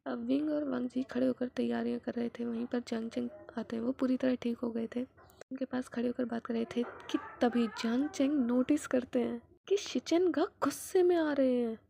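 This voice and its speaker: A woman narrates a fanfiction tale in a high, gravelly voice with a husky edge. She swings from soft whispers to loud, emotional lines and acts out each character herself. The sound is close and dry, with a dark, mellow tone. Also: steady tone, normal speed, no room sound. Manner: shifts from hushed whispers to loud emotional outbursts. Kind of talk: dramatic story reading with voiced dialogue.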